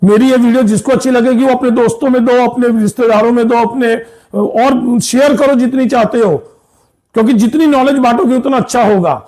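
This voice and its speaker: A man's voice: very high voice, steady tone, brisk, darkish tone. A man teaching English grammar to school students, explaining patiently, repeating points and often checking that they follow. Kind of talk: classroom grammar lesson.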